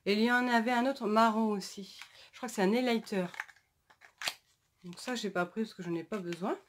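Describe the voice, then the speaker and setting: A woman's voice: mid-range voice, normal speed, slight background noise. A woman chatting casually through a beauty product haul, reading packaging text aloud and correcting herself as she goes. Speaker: beauty vlogger.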